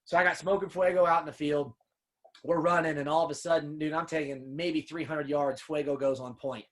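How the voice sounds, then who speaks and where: A man's voice: fairly high pitch, fairly even intonation, brisk. Earnest, emotional male hunter storyteller. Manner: emotional, earnest storyteller, says "man" and "dude" often. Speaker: podcast guest, upland hunter and dog kennel owner. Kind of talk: casual storytelling interview.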